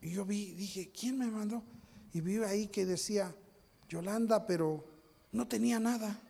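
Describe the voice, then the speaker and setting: A man preaching a sermon as a pastor, telling stories, acting out what people said and building to loud peaks. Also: high-pitched, a little slow, vocal fry. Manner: storytelling, acts out quotes, rises to shouting peaks.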